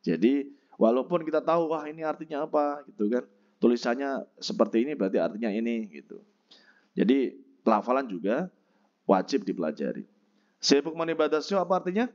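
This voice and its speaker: A man teaching a Korean textbook lesson, explaining pronunciation and slowly repeating each word for practice. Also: medium pitch, animated, darkish tone, dull audio.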